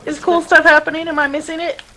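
A woman with a fairly high voice talks casually through a video game with her friends. The chat is informal and conversational. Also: flat delivery, quick pace, sharp tone, slight background noise, low-quality recording. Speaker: player in a co-op video game session.

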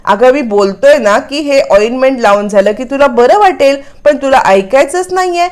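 A flustered young husband who fusses and scolds in the same breath, as a woman narrator reads him out. He repeats his words in a hurry, pitched fairly high. The tone is everyday, with no real change of voice. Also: expressive, normal speed. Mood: scolding. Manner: frantic, repeating himself. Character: flustered young husband fussing over a burn.

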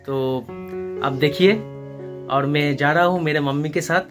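Young man vlogging over loud music. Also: on the high side, steady tone, unhurried. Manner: friendly, addresses viewers directly. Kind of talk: casual vlog narration. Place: outdoors walking through a busy market. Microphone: phone held at arm's length.

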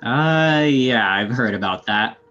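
A man's voice: mid-range voice, animated, slow, sharp tone. A young man playing a stern, weary, menacing anarchist fighter, curt and sardonic, in an amateur video game role-play drama. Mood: deadpan. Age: young adult. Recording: muffled lo-fi headset audio.

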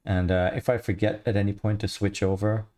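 On his livestream, a relaxed 3D artist answers chat questions and rambles casually, using a headset mic at his home studio. He's in his thirties, with a mixed Australian, Irish and American accent and a lowish voice that runs fairly quick.

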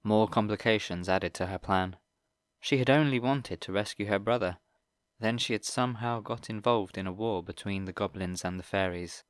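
A man narrating a middle-grade fantasy audiobook in a steady, even storytelling manner. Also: on the low side, moderate pace, no room sound, clean studio sound. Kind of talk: scripted narration.

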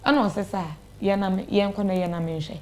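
A young adult woman with a Ghanaian accent gives a personal account as a guest in a small indoor TV studio, retelling conversations along the way. Her medium-pitched voice has fairly even intonation and a moderate pace, picked up by a clip-on lapel mic.

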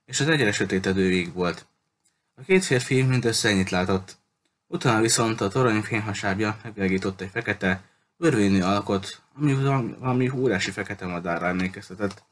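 A man reading a novel aloud in a steady, measured way. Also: fairly low pitch, a little hiss or hum. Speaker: audiobook reader.

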